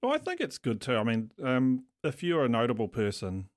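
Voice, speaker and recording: A craft brewer with a New Zealand accent chats as a podcast guest in a laid-back, blokey, sweary manner, his mid-range voice brisk and full of huge pitch swings. The sound is studio quality with no room reverberation.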